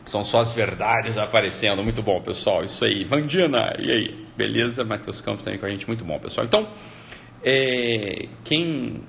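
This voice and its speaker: Hosting a live stream through a computer or phone mic, a man talks casually and rambles, often saying "né" and restarting his sentences. His voice is on the low side with vocal fry and a fairly bright tone, at a moderate pace, with slight background noise.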